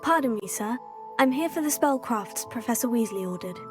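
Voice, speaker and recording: A woman voicing a courteous teenage witch new to her school in a fantasy game. Her voice is high and composed, with faint music behind. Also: lively intonation, moderate pace, natural voice. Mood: polite. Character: polite, curious teenage girl witch, new student. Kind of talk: video game acting.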